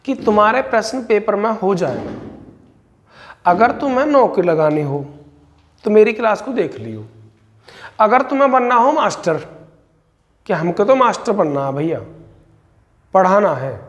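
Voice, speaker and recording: A man teaching a Hindi exam-prep lesson, briskly repeating points and calling his students brother. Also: high voice, long reverb tail.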